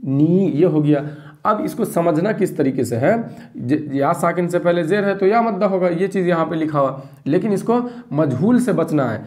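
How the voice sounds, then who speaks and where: A man's voice: high-pitched, darkish tone. A middle-aged man teaching Quran reading, patiently repeating rules and drawing out spelled syllables. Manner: patient, repetitive, drawn-out syllables. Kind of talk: spelling-out lesson.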